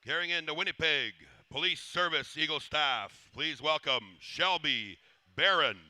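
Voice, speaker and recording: A man serving as master of ceremonies, announcing live in a formal, reverent manner with measured phrases. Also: on the high side, sharp tone, no echo.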